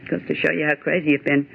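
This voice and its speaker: An actress with a low, creaky, fairly quick voice and little pitch movement plays a bossy, skeptical yet rattled young office worker in 1940s radio horror style. She scolds theatrically, sounding exasperated, on an old radio recording with a narrow, tinny band and hiss.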